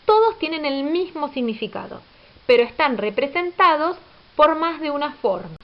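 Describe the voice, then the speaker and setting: A woman's voice: high-pitched, big pitch swings, normal speed. A woman teacher giving a recorded grammar lecture, explaining patiently and asking rhetorical questions. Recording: dull lo-fi audio.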